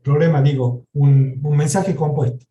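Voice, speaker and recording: A man's voice: fairly high pitch, steady tone, moderate pace, warm tone, highs cut off, a little hiss or hum. A man teaching a university programming class, explaining step by step and often checking in with the students. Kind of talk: live lecture with software demo. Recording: echoey classroom recording.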